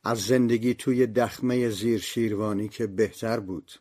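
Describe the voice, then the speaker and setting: A man's voice: fairly low pitch, fairly even intonation, a little mellow. A man narrating a memoir-style audiobook in a somber, reflective, scripted manner.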